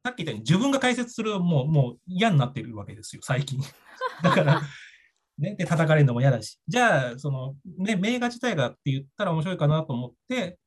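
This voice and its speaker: A man chatting casually as a podcast guest, telling stories in a lively, self-mocking way with frequent laughs. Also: a little high, quick pace, slightly rough. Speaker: guest author and art teller.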